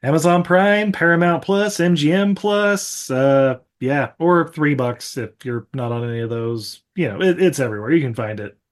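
Young guy cohosting a movie podcast, kinda high voice, swears a lot, jokey and loose. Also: normal speed, few pauses. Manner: loose, profane, joking. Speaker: podcast co-host. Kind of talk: casual movie-review chat.

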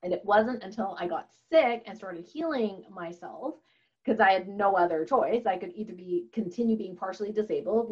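Here the guest, a Chinese-native holistic doctor and author, has a lowish voice with a breathy edge as she gives a conversational interview answer. She stays earnest and chatty, laughing often and using plenty of fillers. Sound quality is slightly dull and lo-fi.

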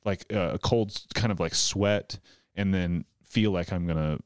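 A comedian in his thirties chats casually as a podcast guest, rambling with lots of "likes" and restarts. His deep, smooth voice is steady and measured, captured in a clean, dry studio recording.

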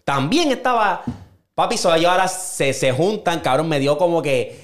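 A man retells a story on a casual podcast. His fairly high voice leaps up sharply whenever he acts out a quote, and he talks in dense street slang. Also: animated, moderate pace. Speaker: podcast co-host.

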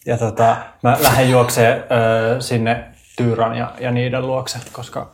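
A man playing a tabletop game, describing his character in an animated, playful way. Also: medium pitch. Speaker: player. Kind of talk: casual tabletop play.

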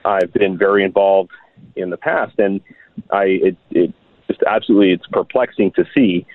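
A man in his thirties from Miami, a guest on a radio show, talking earnestly and haltingly with many restarts and fillers. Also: low-pitched, dry recording. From Miami, United States. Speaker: guest writer. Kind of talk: radio interview over the phone. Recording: tinny phone line.

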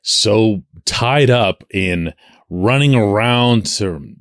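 Animated low-voiced sports podcast host. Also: male voice, drawn-out words, dry recording, studio quality. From Pittsburgh. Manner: animated, emphatic, stretches key words. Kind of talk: solo sports podcast talk.

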